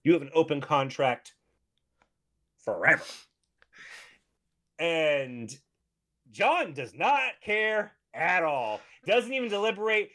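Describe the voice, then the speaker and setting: Animated, higher-voiced man chatting about films. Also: takes it slowly, pauses often. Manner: enthusiastic, animated, restarts often. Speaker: podcast co-host discussing a film. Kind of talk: casual film review chat.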